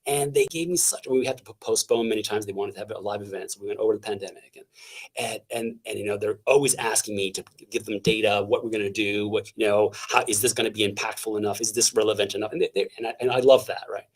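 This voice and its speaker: Full of energy and fairly high-pitched, a Canadian interview guest chats casually, often restarting phrases and using fillers in an animated, halting way. The recording is slightly rough and low-quality.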